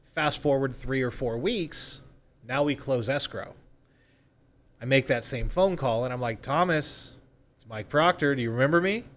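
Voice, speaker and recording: At a moderate pace and with a fairly bright tone, a man in the mid range speaks as a real estate agent being interviewed on a podcast. He keeps it informal, explaining sample sales calls and acting them out.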